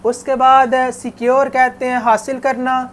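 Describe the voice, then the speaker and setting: A woman teaching an English lesson, reading English phrases slowly and explaining them in Urdu, asking and answering her own questions. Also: high voice, flat delivery. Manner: corrects pronunciation for students. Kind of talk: classroom lecture, translating English to Urdu. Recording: faint background noise.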